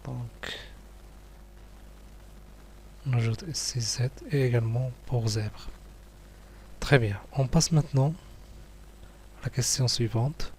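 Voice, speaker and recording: A man teaching young pupils, going slowly through a worksheet, repeating each word and praising answers. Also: medium pitch, steady tone, darkish tone, a little hiss or hum. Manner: slow, patient, repeats words and praises answers.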